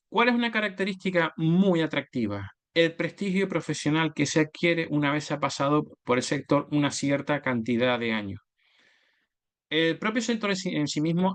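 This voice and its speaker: A man's voice: fairly high pitch, fairly bright tone. A man giving an explanatory slide presentation, methodically listing points and correcting himself mid-word. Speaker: oil and gas business development manager giving a talk.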